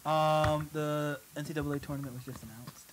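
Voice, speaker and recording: Higher-voiced New man, halting. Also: steady tone, noisy background. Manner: halting, many restarts, reads out sports news. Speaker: co-host. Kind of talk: casual group chat.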